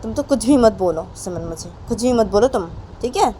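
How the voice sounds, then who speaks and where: A woman's voice: high voice, a little fast, a little mellow, slight background noise, close to an everyday voice. A woman voicing a stern, angry mother who scolds her daughter, repeating her questions. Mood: scolding.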